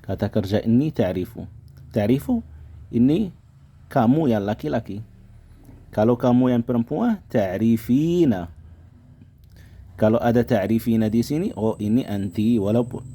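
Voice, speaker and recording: A man's voice: medium pitch, lively intonation, a little slow, long pauses, mellow. A man teaching a language lesson, patiently repeating words and explaining them to his viewers. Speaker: Arabic teacher.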